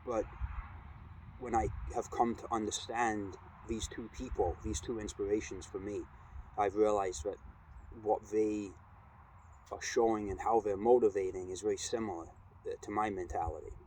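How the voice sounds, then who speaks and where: A middle-aged man talking casually and reflectively in a vlog, with an earnest, measured, halting delivery. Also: rough recording. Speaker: cold exposure vlogger. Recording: steady background noise, ambient rumble.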